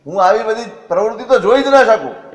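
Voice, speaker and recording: A man's voice: high voice, brisk. A man telling a religious story as a sermon, asking questions and answering them himself. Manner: expressive, asks and answers his own questions. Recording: echoey hall.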